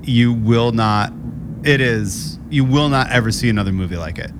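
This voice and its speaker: A man's voice: mid-range voice, normal speed, background noise. A man co-hosting a podcast, chatting casually and enthusiastically, often laughing as he gushes. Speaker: podcast co-host. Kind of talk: casual chat.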